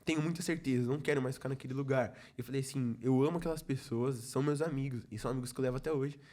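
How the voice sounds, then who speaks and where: A man's voice: mid-range voice, racing, darkish tone. Brazilian man telling a testimony. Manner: storytelling, acts out quoted dialogue, many "falei assim" asides. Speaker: podcast guest, youth ministry leader. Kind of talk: casual testimony in a podcast chat.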